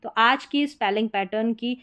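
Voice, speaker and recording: Lady teacher going over english spelling patterns, slightly high voice, patient, says each word twice. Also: fairly bright tone, smooth. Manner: patient, repeats words slowly and asks questions back. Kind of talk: explaining spelling lesson.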